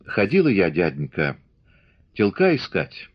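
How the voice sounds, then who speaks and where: A man's voice: deep voice, wildly swooping pitch, measured pace, no echo, exaggerated voice. A man voicing a frightened village woman in an audiobook, rambling and faltering in a folksy way. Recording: dull lo-fi audiobook recording.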